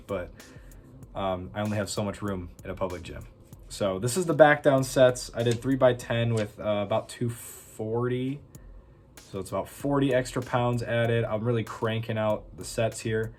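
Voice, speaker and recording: A young man giving casual, self-teasing voice-over commentary on his own workout footage, with many fillers. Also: fairly low pitch. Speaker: fitness vlogger.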